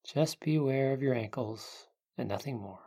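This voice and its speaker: Long pauses fill the gentle, hushed guidance of this meditation narrator, who sounds like a sleep story reader. The voice is creaky and pitched in the medium range.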